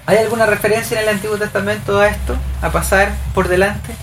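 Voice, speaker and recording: A woman's voice: medium pitch, fairly even intonation, quick pace, background noise. A woman leading a group Bible study, explaining scripture and asking the group questions. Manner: asks the group questions, reads verses aloud.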